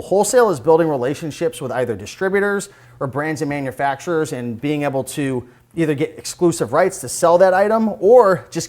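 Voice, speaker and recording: A man giving casual advice in a vlog, a bit out of breath as he walks on a treadmill and talks in an energetic, chatty way. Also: a little high. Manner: conversational, repeats "like" and "you gotta". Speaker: online reselling vlogger.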